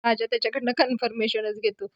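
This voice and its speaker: Lady recapping a tv serial, slightly high voice, dry close sound. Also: fast talker, dry recording, highs cut off. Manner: lively storytelling, quoting characters. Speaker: TV serial reviewer. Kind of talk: retelling a TV serial episode.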